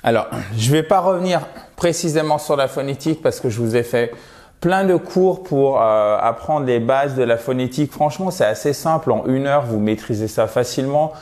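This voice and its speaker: A man's voice: medium pitch, expressive, moderate pace, a little mellow. A man teaching an online lesson about English pronunciation in a chatty, encouraging way, often checking in with the viewer.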